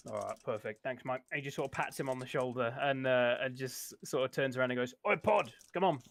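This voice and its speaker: A man's voice: medium pitch, steady tone, quick pace, a bit bright. Man, tabletop player; chatty, laughs easily, casual narration. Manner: laughing, chatty, narrates his character's actions.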